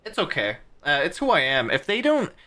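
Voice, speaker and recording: A man streams live with a slightly high, bright, forceful voice, moving briskly with huge swings in pitch. He reacts to clips in casual commentary full of crude jokes and frequent laughter.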